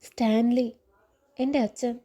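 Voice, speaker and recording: A gentle, earnest young woman, read out by a woman in a fairly high, mellow voice. She pleads softly and sincerely. The reading stays close to plain storytelling speech. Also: steady tone, unhurried. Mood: earnest, pleading.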